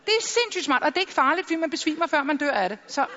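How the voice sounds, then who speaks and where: A middle-aged woman giving a lively stage talk full of jokes and acted-out quotes. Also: high voice, long reverb tail, dull audio, some chatter behind, a little hiss or hum. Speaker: public speaker.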